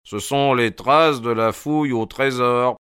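A man reading the lines of a calm, firm male detective in an audiobook. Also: mid-range voice, measured pace, clean tone, no echo, studio quality, voice pushed up, lightly acted.

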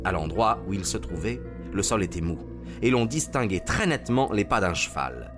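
A man narrating a classic detective story as an audiobook, in a measured, expressive storytelling voice. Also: lowish voice, music in the background.

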